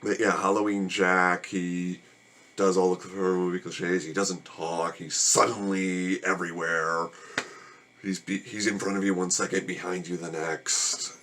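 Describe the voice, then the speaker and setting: A man's voice: low voice, level tone, measured pace, sharp tone. A man casually reviewing a movie, rambling in a weary, sarcastic and annoyed way.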